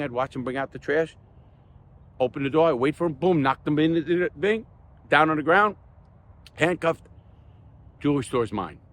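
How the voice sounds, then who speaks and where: A man's voice: on the high side, fairly bright tone. An older man talking off the cuff to his viewers, emphatic and earnest, repeating points for stress in a plain-spoken way. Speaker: host of a crime stories channel. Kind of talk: unscripted talk to viewers.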